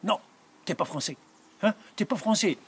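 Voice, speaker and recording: A man's voice: high-pitched, animated, normal speed, husky, voice pushed up, exaggerated voice. A man voicing a stern, traditional old immigrant father who questions his son.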